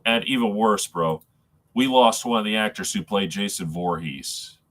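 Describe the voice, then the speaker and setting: Guy livestreaming with a blocked up packed nose, lowish but bright punchy voice, rambles and stumbles along casually. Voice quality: stuffy, congested nasal sound from a packed nose. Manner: halting, rambling, addressing viewers as folks. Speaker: live streamer. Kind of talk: casual live-stream tribute talk.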